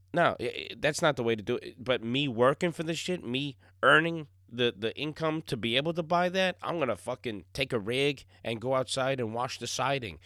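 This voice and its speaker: A young man hosting his own podcast, talking in a blunt, casual monologue full of swearing and filler words, his voice still slightly hoarse. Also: mid-range voice, a bit bright, no echo, clean studio sound. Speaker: podcast host.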